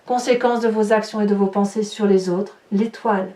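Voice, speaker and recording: A woman's voice: mid-range voice, steady tone, moderate pace, mellow. Woman reading tarot, echoey and distant. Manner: chatty, reassuring, with spoken restarts. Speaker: tarot reader.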